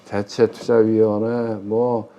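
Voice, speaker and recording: Appearing as a guest expert on public finance, a middle-aged former pension fund CIO talks in a conversational interview. His voice is fairly low and warm with little pitch movement, and he speaks slowly. Emphatic, he frequently asks and answers his own questions, and the audio is a bit muffled.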